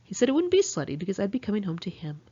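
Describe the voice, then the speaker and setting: Racing through her own memoir, an American woman uses a mellow, mid-range voice with big pitch swings and a breathy edge. She narrates in the first person, candid and salty-tongued in a conversational way, with the highs cut off in the recording.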